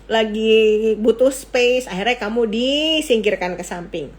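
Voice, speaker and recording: A middle-aged woman psychiatrist hosting a casual live talk, playful and quick to laugh, swinging between excited high bursts and low asides. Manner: playful, laughs often, jokes in mock foreign gibberish. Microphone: phone or laptop mic for an Instagram live.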